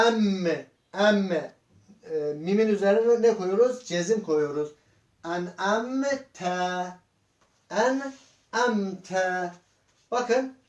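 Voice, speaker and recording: A man teaching Quran reading in a slow lesson, sounding out syllables one by one and asking his students patient questions. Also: high-pitched, darkish tone. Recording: echoey room.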